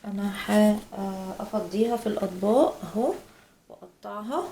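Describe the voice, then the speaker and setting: A young woman with an Egyptian Arabic accent, narrating a home vlog in a tired, sighing voice, slow and soft-spoken with many pauses. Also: medium pitch, a little hiss or hum. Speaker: home vlogger.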